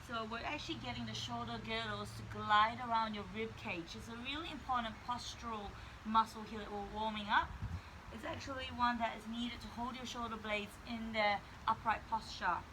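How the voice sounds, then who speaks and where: A woman's voice: fairly high pitch, steady tone, moderate pace, noisy background. A woman instructing a guided stretching workout, explaining each movement step by step.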